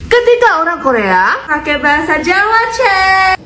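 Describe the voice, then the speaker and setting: Very high, animated woman chatting casually. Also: normal speed. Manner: animated, short questions and exclamations. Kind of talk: casual short social video chat. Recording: loud music and crowd noise behind.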